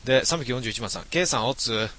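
A man's voice: mid-range voice, fast, sharp tone. A middle-aged man streaming late at night, reading viewer comments aloud in a casual, mumbling way with many fillers.

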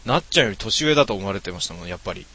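Bright-voiced man chatting casually. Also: fairly low pitch, very fast, slightly rough. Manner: relaxed, rambling talk with many fillers. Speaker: game streamer. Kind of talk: casual chat. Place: his home.

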